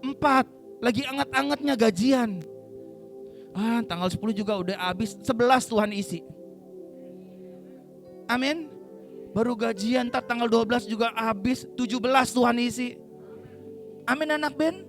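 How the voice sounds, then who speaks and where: This pastor, who has an Indonesian accent, preaches in a church with a very high voice at normal speed, pausing often. He's lively and funny, leads call-and-response, and dramatizes the voices in Bible stories, all over faint background music.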